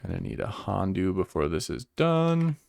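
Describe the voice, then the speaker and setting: A man's voice: low-pitched, very animated, moderate pace, vocal fry, darkish tone, a little hiss or hum. A young man streaming a game, chatting casually and sleepily, rambling and thinking aloud with lots of fillers. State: sleepy, yawning. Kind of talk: casual livestream gameplay chat.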